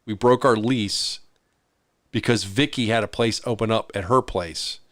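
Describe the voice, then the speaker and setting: A man's voice: lowish voice, a little slow, fairly bright tone, no room sound, clean studio sound. A middle-aged man co-hosting a podcast, telling a story in casual chat and acting out the voices of the people in it. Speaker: podcast co-host.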